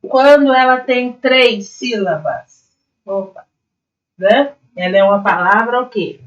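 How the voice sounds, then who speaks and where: A woman teacher with a Brazilian Portuguese accent, giving a recorded class to young pupils, patient and step by step, sounding out syllables slowly. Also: a little high, highs cut off. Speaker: primary school teacher.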